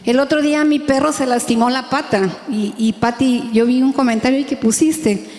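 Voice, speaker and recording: Mexican lady preaching, high voice, chatty, keeps asking the crowd "right?", big echoey hall. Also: steady tone, moderate pace, a little mellow. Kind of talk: sermon. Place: large church hall. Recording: echoey hall with long reverb.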